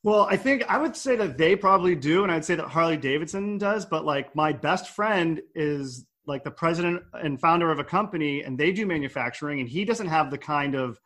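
A man's voice: a little high, lively intonation, fairly quick, few pauses, a bit bright. Chatty male podcast host. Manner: chatty, many fillers, reads news aloud. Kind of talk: casual motorcycle news chat.

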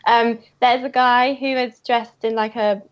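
A woman's voice: a little high, unhurried, lo-fi sound. A woman, a comic creator, chatting as a podcast guest and telling stories with laughter and gusto. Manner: animated, laughs often, retells stories with gusto. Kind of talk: casual podcast chat.

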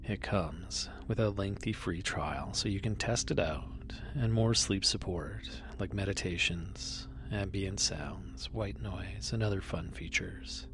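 A man narrating sleep stories in a soft, soothing, hushed manner that often trails into a near-whisper, close to the microphone. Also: a little slow, few pauses. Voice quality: soft, low, gravelly. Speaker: host and narrator of a sleep story podcast. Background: music.

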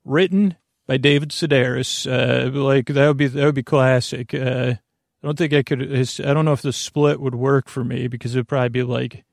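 With a creaky voice at medium pitch and a steady tone, a male host rambles through a halting bedtime monologue full of half-mumbled words and tangents, aiming to send listeners to sleep. The studio sound is clean, with no room sound.

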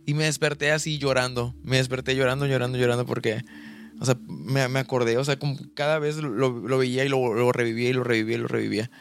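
A man's voice: mid-range voice, fairly even intonation, fast, vocal fry. Hesitant young man chatting casually. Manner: hesitant, many restarts and fillers. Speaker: podcast co-host. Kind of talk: casual chat.

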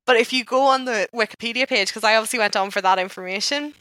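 A woman with a Northern Irish accent co-hosting a podcast, talking in a chatty, animated and informal way. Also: fairly high pitch, fast talker, no room sound. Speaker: podcast co-host. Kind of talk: casual podcast chat.

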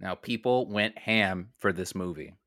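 Bright-voiced man hosting a quiz. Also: deep voice, unhurried, no room sound, clean studio sound. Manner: joking, running a quiz game. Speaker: podcast co-host and quizmaster. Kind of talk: casual comedic podcast banter.

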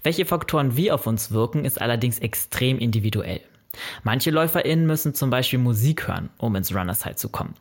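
A man's voice: mid-range voice, lively intonation, fairly quick. A man presenting a scripted explainer on running, speaking directly to the viewer in a friendly, informative way and working through numbered tips. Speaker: running vlogger.

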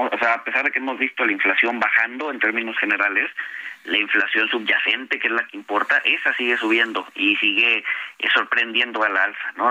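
A man's voice: on the low side, pushed and bright, lo-fi sound. A man with a Mexican accent, a portfolio manager explaining interest rates in a radio interview, often ending points with a questioning tag. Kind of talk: financial interview.

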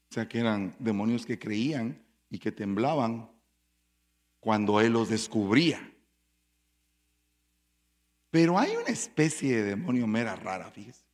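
A man preaching a sermon as pastor, telling stories dramatically with sudden loud bursts and quiet asides. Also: medium pitch.

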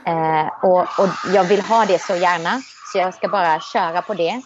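Woman guest, lowish voice, thoughtful and upbeat, dull recording. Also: noisy background. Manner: reflective and optimistic, many restarts. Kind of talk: casual conversation.

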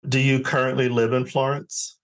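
A man's voice: mid-range voice, level tone, moderate pace. An American man with an American accent, conducting a casual, conversational interview. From United States.

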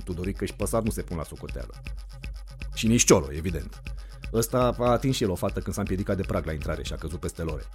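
Expressive male audiobook narrator. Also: low-pitched. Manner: expressive first-person storytelling. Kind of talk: audiobook reading.

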